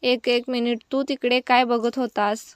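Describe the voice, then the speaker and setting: A woman's voice: fairly high pitch, little pitch movement, moderate pace, clear, resonant tone, no room sound, close to an everyday voice. Woman voicing a teasing college girl. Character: teasing young college girl, playful and pushy.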